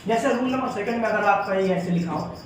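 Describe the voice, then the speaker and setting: High-voiced man teaching, echoey room. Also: fast, recorded from a distance, noisy background. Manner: explains step by step, often says "ठीक है". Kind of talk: classroom grammar lesson.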